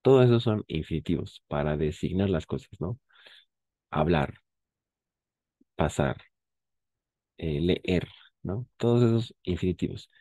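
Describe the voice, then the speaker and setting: A man's voice: deep voice, lively intonation, a little slow, pauses often, mellow, dry recording. A man teaching a French class, patiently explaining and repeating key words and checking that students follow. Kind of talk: live language class explanation.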